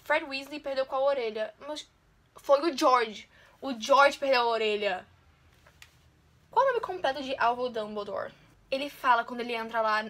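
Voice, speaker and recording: A woman's voice: fairly high pitch, a bit bright. A woman, chatting casually and teasing herself while taking a quiz on her channel. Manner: chatty, self-mocking, competitive. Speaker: YouTuber.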